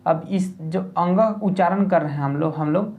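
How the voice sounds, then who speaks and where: A man's voice: fairly high pitch, narrow, tinny audio. Patient tutor man with Jharkhand accent. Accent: Jharkhand Hindi. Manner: explains patiently, repeats "ठीक है" often, sounds out letters slowly. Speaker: exam tutor. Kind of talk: spoken exam-prep lesson.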